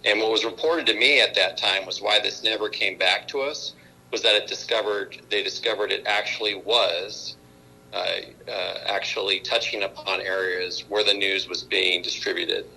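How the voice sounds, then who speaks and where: A mayor calling in over a phone speaker at a council meeting, talking hesitantly with many restarts and fillers. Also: male voice, fairly low pitch, steady tone, moderate pace, pushed and bright, breathy edge, rough recording.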